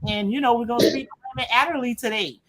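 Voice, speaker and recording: A woman's voice: fairly high pitch, racing, fairly bright tone, a little hiss or hum, rough recording. Chatty woman hosting an interview. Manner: chatty and informal, with affirming interjections. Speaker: host. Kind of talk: casual interview chat.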